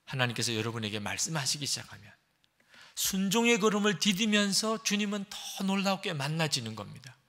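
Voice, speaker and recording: A man's voice: a little high, very animated, a little fast, bright, forceful tone. A man preaching a sermon as pastor in a church sanctuary, telling stories in an earnest, emphatic way. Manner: earnest, emphatic storytelling with dramatic shifts. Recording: reverberant church hall.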